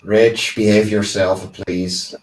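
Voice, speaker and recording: A man hosting a casual live drawing stream, easygoing and friendly as he greets viewers and keeps the talk calm. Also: fairly low pitch, slow. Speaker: host. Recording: roomy webcam mic, faint noise.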